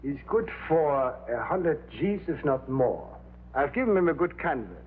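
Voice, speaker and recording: An actor playing a con man who poses as a temperamental hypnotist professor, with grandiose, deliberate delivery in a vintage crime drama. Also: a little high, animated, husky. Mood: sly, confident. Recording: tinny band-limited old TV soundtrack, humming noise.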